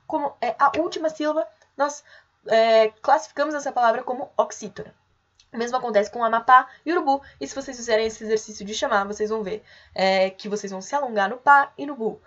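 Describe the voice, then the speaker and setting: A young adult woman teacher with a fairly high voice walks students through a grammar lesson. She explains in a patient, clear way and calls out the example words as she goes. The recording sounds muffled and lo-fi.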